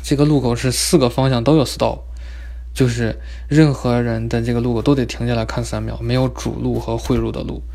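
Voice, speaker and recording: Animated young man. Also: medium pitch, a little fast, vocal fry. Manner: animated, comic, chatty. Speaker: vlogger. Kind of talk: casual storytelling.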